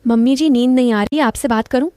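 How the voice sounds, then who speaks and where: A man's voice: extremely high pitch, a little fast, darkish tone, smooth, no echo. Woman voicing a coaxing young son-in-law.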